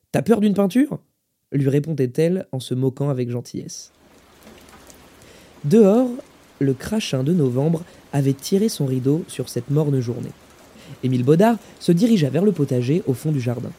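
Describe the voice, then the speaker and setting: A man narrating a literary short story in a measured, descriptive way. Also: a little high, dark tone, slightly rough. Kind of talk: scripted story reading.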